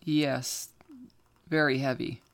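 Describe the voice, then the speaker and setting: An actress playing a nervous young woman about to be hypnotized, speaking haltingly with stammers. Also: a bass voice, steady tone, vocal fry, exaggerated voice. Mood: entranced.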